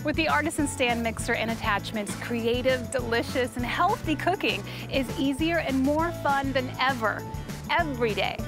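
A woman in her thirties hosts a scripted show outdoors. Her voice is high, and music plays clearly behind her. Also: normal speed. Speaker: television host, chef. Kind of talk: scripted presenting. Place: outdoor showcase event.

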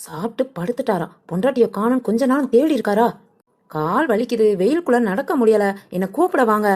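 A woman's voice: a little high, expressive, a little fast, darkish tone. A woman voicing a gossipy, sly village wife in a cartoon who complains and mutters to herself. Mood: pleading. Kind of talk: cartoon voice acting.

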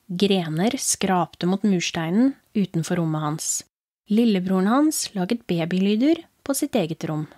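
A woman with a Norwegian accent reading a horror story aloud as a podcast host, in a calm, low, steady storytelling voice. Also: no echo, clean studio sound. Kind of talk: scripted horror story narration.

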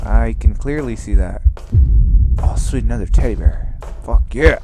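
Man narrating a horror playthrough, easily startled, taunting, loud game music behind. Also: fairly low pitch, lively intonation, unhurried. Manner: jumpy, swearing, taunting the monster. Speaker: gamer. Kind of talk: horror game let's play commentary.

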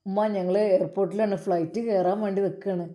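A dutiful grown son, voiced by a woman, who speaks with a Malappuram accent. He talks briskly and respectfully to his mother. The voice stays at a middle pitch, as in a told family story. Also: fairly even intonation, dark tone, lightly acted. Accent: Malappuram Malayalam.

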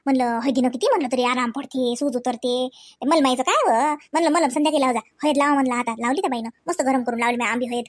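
A woman plays a homely, concerned village woman from a family cartoon, gossiping colloquially in a rural Vidarbha Varhadi Marathi accent with drawn-out kinship exclamations. Her voice is very high with fairly even intonation, and she talks fast in a dry, close sound with no echo.

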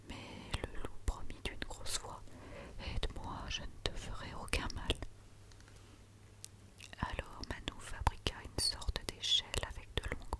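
A woman reads a story aloud in a quiet, soothing night-time whisper, as in ASMR, close to the microphone. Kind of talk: whispered ASMR reading of a children's tale.

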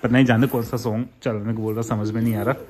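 A man's voice: mid-range voice, little pitch movement, rapid-fire, darkish tone. A man talking casually in a family vlog, chatty and laughing often as he coaxes his toddler. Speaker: vlogger, father.

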